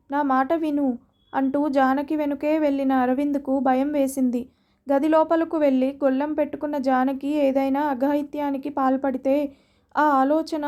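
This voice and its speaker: Storyteller, woman, high and flat, steady measured narration.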